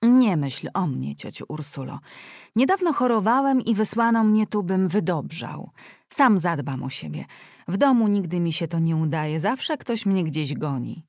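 A wry, easygoing young nobleman from an audiobook, as a woman reader plays him, polite on the surface and dry with jokes underneath. The voice stays low for a woman and is recorded close with no room sound. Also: expressive, measured pace, darkish tone, no echo. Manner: dry, ironic, politely joking. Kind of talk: audiobook character reading.

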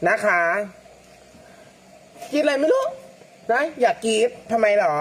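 A man hosting a lottery livestream, chatting casually, reading out viewer comments and using soft feminine polite particles. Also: extremely high pitch, lively intonation, a little slow, slight background noise. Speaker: lottery-number livestream host.

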